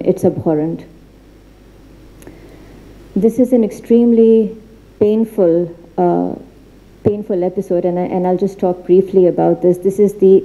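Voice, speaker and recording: A woman giving an earnest seminar talk in an institute library, halting often with fillers and restarts. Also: fairly low pitch, mellow, rough recording. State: becoming emotional. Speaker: seminar speaker. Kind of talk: formal seminar talk with slides.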